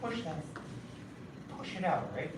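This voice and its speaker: A man leading a martial arts class through exercise drills, calling out loud counts and commands, then explaining each move calmly. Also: sits high, measured pace. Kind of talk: leading a children's fitness drill. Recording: echoey hall, distant mic, loud noise.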